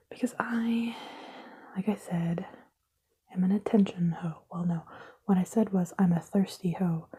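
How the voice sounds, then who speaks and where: Close to a camera mic, a woman keeps up a soft unvoiced whisper for an ASMR video filmed at an indoor table. She makes sarcastic jokes at her own expense, her whisper medium in pitch and husky.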